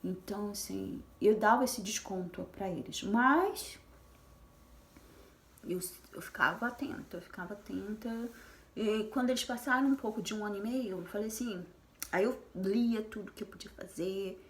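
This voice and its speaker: A woman's voice: mid-range voice, moderate pace. A woman sharing her story as a mother of twins in a casual personal vlog, talking in a chatty way with many fillers and restarts. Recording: echoey room.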